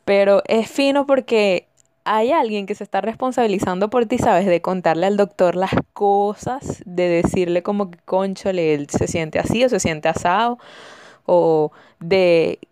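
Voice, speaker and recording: A woman's voice: medium pitch, unhurried, dark tone, clear, resonant tone, no echo, clean studio sound. A young woman with a Venezuelan accent, hosting a podcast and telling stories in a chatty way, repeating words for emphasis. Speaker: podcast host. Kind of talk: casual storytelling monologue.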